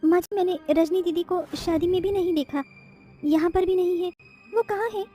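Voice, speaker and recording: A woman voicing a gentle, anxious young bride in a cartoon story, speaking softly and pleadingly. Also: extremely high pitch, moderate pace, soft background music, pitched above the performer's own voice. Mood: timid. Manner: soft, pleading.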